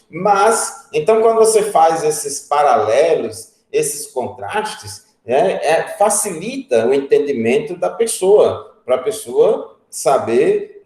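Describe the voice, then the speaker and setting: A theology teacher with a northeastern Brazilian accent lectures to his class, explaining step by step and checking in with his students. His voice is mellow and fairly high. The sound is roomy and echoey. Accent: Brazilian Portuguese, northeastern. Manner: explanatory, frequent "né?" checks, addresses students as brothers. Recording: echoey room.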